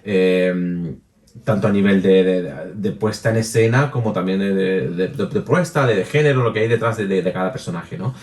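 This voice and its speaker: A Chilean man speaking as an interview guest, chatting casually and lively, with many restarts and laughs. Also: low-pitched, normal speed, far from the mic. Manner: animated, many restarts and fillers, laughs easily. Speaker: interview guest, drag performer and DJ. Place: room with a jacuzzi.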